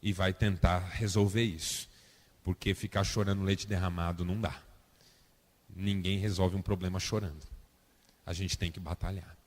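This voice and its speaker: A man's voice: fairly even intonation, moderate pace, long reverb tail. A man preaching a sermon as a pastor, dramatic and acting out the voices of people he quotes. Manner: dramatic, acts out quoted voices with big swings of pitch and loudness.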